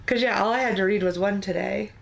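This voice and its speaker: Tired woman with a gravelly voice. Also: medium pitch, fast talker. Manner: tired, dry and teasing. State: tired, yawning. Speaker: livestream co-host. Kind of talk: casual chat.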